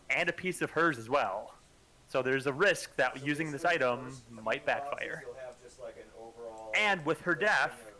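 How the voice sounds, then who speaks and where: A man's voice: fairly high pitch, pushed and bright, poor audio. A man playing in a tabletop game who recaps the story steadily and chats with the table. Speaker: player.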